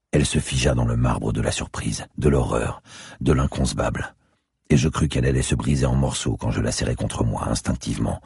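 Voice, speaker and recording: Very deep, gravelly male narrator. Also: a little mellow, dry recording, clean studio sound. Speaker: audiobook narrator. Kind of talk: first-person thriller narration.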